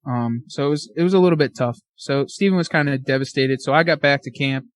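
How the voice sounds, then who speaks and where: A man guesting on a podcast, excitedly telling a casual story full of fillers and slang. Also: mid-range voice, quick pace, no echo.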